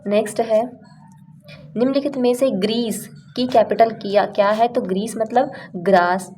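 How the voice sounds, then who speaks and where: A woman's voice: on the high side, fairly even intonation, normal speed, a little mellow, a little hiss or hum. A young woman teaching exam facts in a casual, chatty way, using playful memory tricks. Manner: chatty, explains with playful rhymes and acted-out lines.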